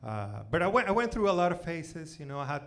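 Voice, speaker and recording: A forty-year-old stand-up comedian, a native Spanish speaker with a Venezuelan accent, tells stories conversationally on stage at a comedy club. He speaks haltingly, repeats his words and peppers his talk with "you know" and "like", in a slightly high voice with big pitch swings. The live club recording is noisy.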